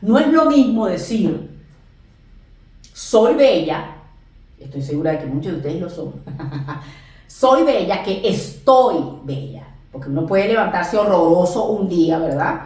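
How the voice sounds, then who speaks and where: A woman teaching a class, explaining grammar at a board and slowly drawing out example phrases for emphasis. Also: lowish voice, animated, warm tone, recorded from a distance. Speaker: English teacher. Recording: very echoey room, voice off-mic.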